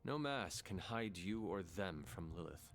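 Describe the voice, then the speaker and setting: A solemn video game demon hunter with a deep voice. He speaks in a measured, formal and earnest way, with faint music behind. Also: expressive. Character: solemn, formal demon-hunting male warrior.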